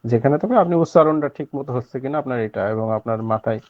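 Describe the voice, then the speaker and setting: A man's voice: medium pitch, fast talker, no echo. Patient male teacher on a dull video call. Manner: patient, explanatory, many fillers. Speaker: online language teacher. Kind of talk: casual online class. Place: home at night. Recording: slightly dull dry audio.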